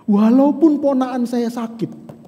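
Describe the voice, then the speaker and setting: A male pastor preaches to his congregation in a high voice, his words carrying a long reverb through the church hall. He calls out to the listeners directly, sinking to hushed, slow lines and then climbing to fervent peaks. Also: muffled recording. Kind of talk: sermon. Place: church service.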